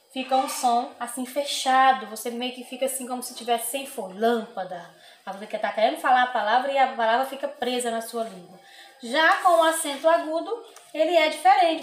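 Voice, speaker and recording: A woman teacher giving a recorded lesson to young children, patient and sing-song, slowly drawing out example words. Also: high-pitched. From Brazil. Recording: echoey room with faint ambience.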